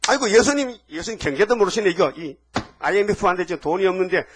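A man's voice: high-pitched, fast, breathy edge, pitched above the performer's own voice. A man voicing a grasping male disciple who schemes over money, in whiny, wheedling exclamations.

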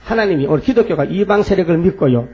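A man's voice: high-pitched, expressive, fast, dark tone. A man preaching a fervent sermon. He reads scripture aloud and keeps asking and answering his own rhetorical questions. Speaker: pastor. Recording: dull lo-fi recording with mains hum.

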